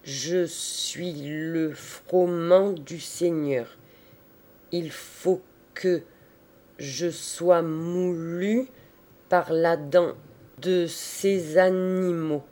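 A reader voicing a little orphan girl who reads aloud slowly and solemnly, stopping at each syllable. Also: on the low side, steady tone, dark tone. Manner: slow, halting syllable by syllable. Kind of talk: storybook reading.

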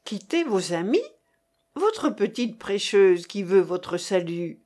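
A woman reading the part of a gentle, pious young wife who pleads tenderly and gently preaches. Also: mid-range voice, very animated, slow. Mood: pleading.

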